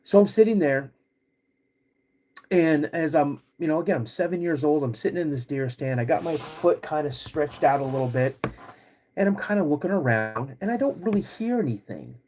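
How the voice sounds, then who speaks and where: A man hosting a podcast, recounting a personal story in a halting, repetitive, suspenseful way. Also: a little high, expressive, darkish tone, a little hiss or hum. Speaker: podcast host.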